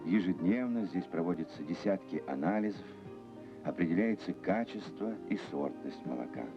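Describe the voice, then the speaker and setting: A man giving formal, measured scripted narration for an old newsreel. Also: sits low, lively intonation. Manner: formal, measured official delivery. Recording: dull lo-fi archival film sound with music.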